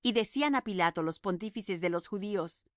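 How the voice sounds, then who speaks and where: Female audiobook narrator, solemn measured scripture reading, dry booth sound. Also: medium pitch, lively intonation, a bit bright, no echo.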